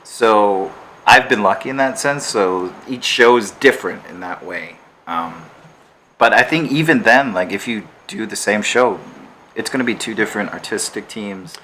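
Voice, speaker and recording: A man's voice: on the low side, a little hiss or hum. A man co-hosting a podcast, chatting casually about stage acting with fillers and restarts. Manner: relaxed, halting with fillers and restarts. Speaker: podcast co-host. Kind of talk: casual chat.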